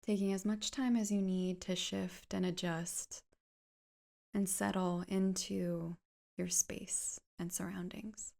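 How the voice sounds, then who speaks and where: A woman leading a guided meditation in a soft, gentle, soothing way, with unhurried phrases that turn breathy at the ends. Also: lowish voice, little pitch movement.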